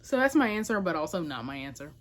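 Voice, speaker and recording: Speaking quickly in a fairly low, sing-song voice, a woman book vlogger chats to camera. She's informal and emphatic, regularly correcting herself and adding small asides.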